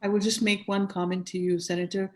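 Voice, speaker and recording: A woman hosting a community group's video call conversation, making brief, measured remarks. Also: mid-range voice, flat delivery. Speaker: host of a community civic group.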